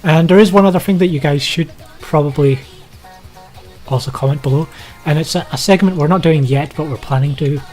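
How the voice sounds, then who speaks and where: A man's voice: a little high, fairly quick, darkish tone, faint music behind. A young man co-hosting a podcast, explaining things in casual chat with a hesitant delivery full of ums, from a small home studio. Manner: hesitant, lots of ums and likes. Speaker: podcast co-host.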